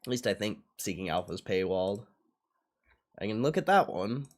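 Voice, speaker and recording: A young man with a lowish voice livestreams at a normal speed, reacting animatedly to what he sees on screen. He talks in slang, swears, and tends to repeat his phrases.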